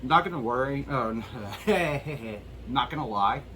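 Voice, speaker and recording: Low voiced guy chatting to viewers, sweary, mouth on fire from spicy food, noisy background. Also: normal speed, fairly bright tone. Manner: candid, sweary. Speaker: vlogger answering viewer questions while tasting hot sauces. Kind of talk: casual solo chat to viewers.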